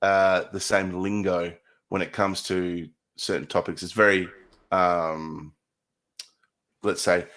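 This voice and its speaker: A man's voice: deep voice, flat delivery, slow pace, pauses often, a bit bright. A man with an Australian accent co-hosting a live stream, laid-back and joking, often trailing off mid-thought. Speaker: stream co-host. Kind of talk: casual live-stream chat.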